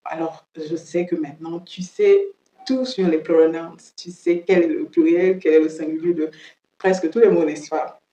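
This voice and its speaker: In an echoey room on a rough recording, a woman with a fairly low, dark-toned, animated voice gives an English lesson in French. She goes slowly, drilling each word by repeating it several times.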